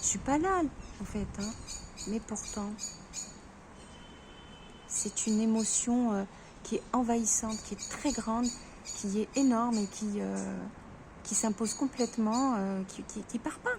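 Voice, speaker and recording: A woman in a personal vlog, talking to viewers in a halting way, stammering and restarting her sentences. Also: on the high side, noisy background. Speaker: vlogger.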